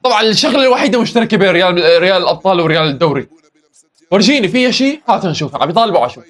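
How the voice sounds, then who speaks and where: A hoarse young man with a Levantine Arabic accent, hosting a live football match reaction and exclaiming at every chance. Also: sits high, animated, rapid-fire, a bit bright. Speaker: football reaction video host.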